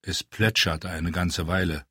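A man narrating an audiobook in German, reading scripted narration with expressive storytelling. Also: sits low, a little slow, breathy edge, dry recording, studio quality.

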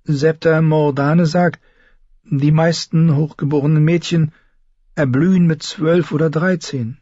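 A man voicing a frightened, timid young noble girl who speaks hesitantly and pleads softly. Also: fairly high pitch, steady tone, a little slow, dry recording, highs cut off, voice pushed up. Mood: timid, pleading.

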